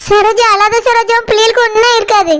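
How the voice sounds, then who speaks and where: A woman voicing a calm young woman in a cartoon who comforts a crying friend, with a Kanyakumari Tamil accent. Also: extremely high pitch, quick pace, noisy background. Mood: soothing. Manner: soothing and reassuring. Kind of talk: cartoon voice acting.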